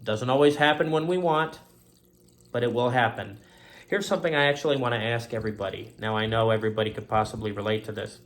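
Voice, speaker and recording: Speaking quickly in a mid-range voice, a man delivers an earnest, rambling monologue on his faith-themed talk show. He returns again and again to familiar stock phrases.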